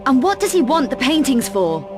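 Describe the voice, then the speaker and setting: Over loud background music, a woman with a high, very animated voice speaks at normal speed in a dramatic video game cut-scene. She plays a sardonic, cool, tough young adventurer whose manner is clipped, dry and probing.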